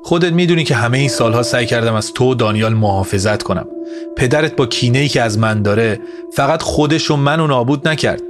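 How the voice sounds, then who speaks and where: A man's voice: lowish voice, close to an everyday voice. A man voicing a middle-aged husband who pleads and defends himself in an audio story, over music. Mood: defensive. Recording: music bed behind voice.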